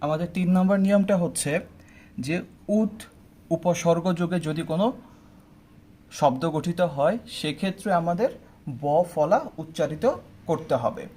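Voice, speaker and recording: Fairly high-voiced young male teacher. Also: moderate pace, long pauses, dark tone, a little hiss or hum. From Bangladesh. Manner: explains step by step, often asking "ঠিক আছে?". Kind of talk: online admission-test pronunciation lesson.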